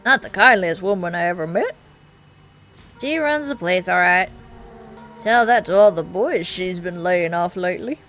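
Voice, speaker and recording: A woman's voice: on the low side, expressive, moderate pace, pauses often, a bit bright, pitched below the performer's own voice. A folksy old mine worker, played by a woman, drawls in rural Southern dialect. He is blunt and superstitious, a video game character, and music plays underneath. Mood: blunt, defiant.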